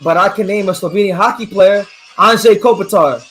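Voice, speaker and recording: A man hosting a live fight reaction stream in casual, slangy chat, excitable and often repeating his phrases. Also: high-pitched, normal speed, over music, low-quality recording. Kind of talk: casual chat and fan commentary.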